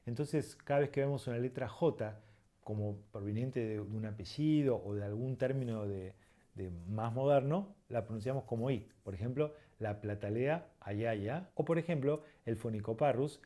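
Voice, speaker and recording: A man gives an instructional lesson. His voice is mellow and warm, pitched in the middle range. He explains patiently, repeating examples slowly and pausing to check that the listener follows. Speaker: birding instructor.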